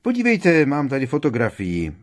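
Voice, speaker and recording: A man reading aloud, voicing a middle-aged man who booms with forced, awkward cheer. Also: huge pitch swings.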